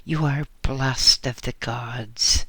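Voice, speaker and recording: A man's voice: medium pitch, fairly even intonation, takes it slowly, fairly bright tone, breathy edge, no room sound, exaggerated voice. A man voicing an old lama who guards the tombs and talks in a soothing, repetitive way. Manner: soothing, repeating himself. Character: old male lama, gentle tomb custodian.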